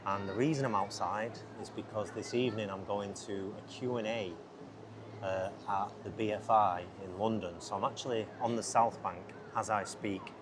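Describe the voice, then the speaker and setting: Speaking at a normal speed in a fairly low, steady voice, a podcast host who is also a filmmaker rambles chattily by a busy city river. He is easily sidetracked and interrupts himself. The outdoor lapel recording carries loud ambient noise.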